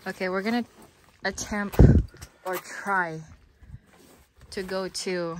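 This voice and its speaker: A woman's voice: medium pitch, steady tone, slow pace, fairly bright tone, a little hiss or hum. A woman chatting casually as she vlogs a hike outdoors, laughing often and cooing to her baby along the way. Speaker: travel vlogger. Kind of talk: casual vlog narration. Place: outdoors on canyon trails.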